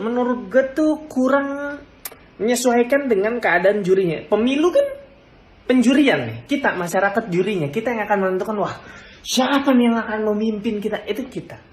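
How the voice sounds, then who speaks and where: A young woman giving her opinion in a casual vlog, relaxed and reflective. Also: mid-range voice. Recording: roomy echo, faint noise.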